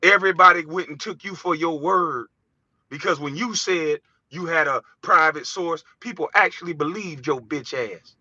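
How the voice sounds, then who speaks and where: Heated, bright-voiced man on a rant. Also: fairly high pitch, moderate pace, dry recording. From United States. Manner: heated, ranting, profane, preachy. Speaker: vlogger. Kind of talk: impassioned monologue. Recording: dull, dry lo-fi recording.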